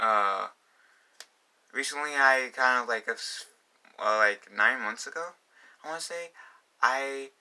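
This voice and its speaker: Bright-voiced young man rambling. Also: medium pitch. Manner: rambling, full of fillers and restarts. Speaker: vlogger. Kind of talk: casual fan vlog.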